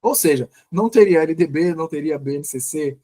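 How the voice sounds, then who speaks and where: High-voiced man lecturing. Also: dark tone, no echo. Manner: explanatory, with frequent restarts and pauses. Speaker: teacher. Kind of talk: live online lecture.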